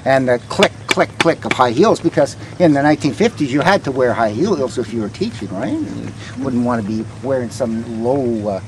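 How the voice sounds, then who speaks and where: An older man tells stories conversationally as a tour guide to a walking group, pausing hesitantly and letting line ends trail off. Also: mid-range voice, lively intonation. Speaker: ghost walk guide, former vice principal. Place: outdoors on a town street. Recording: outdoor street recording with faint traffic noise.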